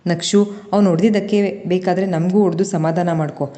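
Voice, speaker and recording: A woman plays a worried young man who pleads, in a mellow, low storybook voice. The sound carries a long reverb. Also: steady tone, a little fast, close to an everyday voice. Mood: pleading.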